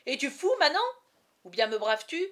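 A woman reading aloud, voicing an impetuous young medieval lord who speaks loudly and directly. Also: mid-range voice, fairly quick, lightly acted.

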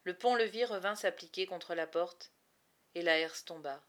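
A woman narrating a storybook in expressive, measured phrases with dramatic pauses. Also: lowish voice. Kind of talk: storybook reading.

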